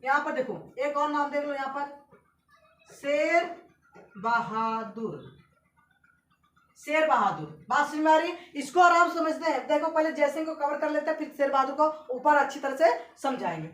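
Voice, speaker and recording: High-voiced woman teaching in an echoey room. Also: lively intonation, fairly bright tone. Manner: repetitive, keeps checking students understand; spells out letters slowly and emphatically. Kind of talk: classroom lesson. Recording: echoey room from far off, faint hiss.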